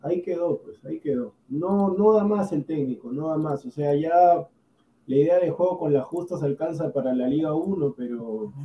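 A man's voice: fairly high pitch, normal speed. A man with a Peruvian Spanish accent, a football pundit on a podcast panel, arguing insistently and repeating his points. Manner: argumentative, repeats himself insistently. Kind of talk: heated podcast panel debate. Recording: distant, roomy, lo-fi mic with faint noise.

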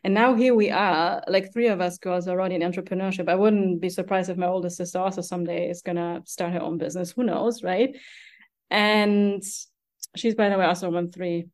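A woman's voice: lowish voice, fairly even intonation, a little fast. A woman in her forties with a foreign accent, hosting a casual podcast interview, chatty and effusive, tagging her sentences with "right?". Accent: foreign-accented English. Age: 40s. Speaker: podcast host.

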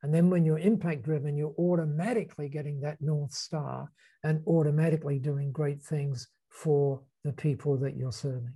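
A man with a soft-edged, mellow voice presents ideas in a conversational way. He moves haltingly and deliberately, leaning on key words. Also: on the high side, fairly even intonation. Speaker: speaker presenting ideas to a group. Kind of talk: conversational explanatory talk.

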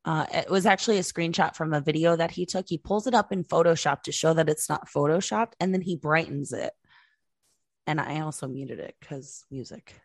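Woman co-host, lowish voice, dry close sound, animated and chatty. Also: brisk, dry recording. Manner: animated storytelling, laughs often. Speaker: co-host showing videos. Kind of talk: casual podcast chat.

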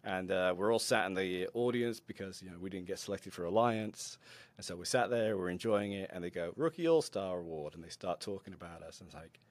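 Very deep-voiced man telling stories. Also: brisk, no echo. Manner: animated, self-deprecating, laughs often. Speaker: robotics team mentor, podcast guest. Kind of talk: conversational interview storytelling.

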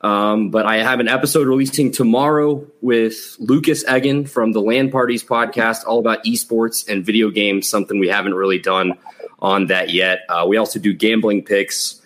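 A man from the Chicago area talks sports as a show guest. His voice sits fairly low and his style is casual, like a podcaster chatting with fellow fans. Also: steady tone, normal speed, a bit bright. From Chicago area, United States.

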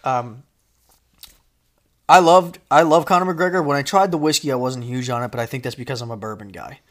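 A man's voice: mid-range voice, fairly quick, a bit bright. A man hosting a podcast over whiskey, chatting loosely and joking, swearing casually. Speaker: podcast host. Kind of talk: casual chat.

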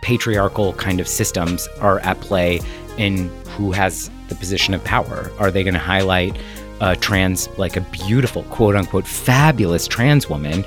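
Deep-voiced man, earnest and rambling. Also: normal speed, music in the background. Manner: earnest, rambling, many fillers and restarts. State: choked up at times. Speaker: camp founder, guest. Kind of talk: interview clips.

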